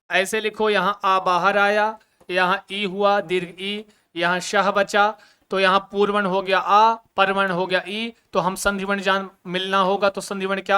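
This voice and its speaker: Male coaching-class teacher, bright crisp voice, lively question-and-answer lecture style with jokes. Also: sits high. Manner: lively, asks questions and answers them himself; joking asides. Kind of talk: Hindi grammar lesson.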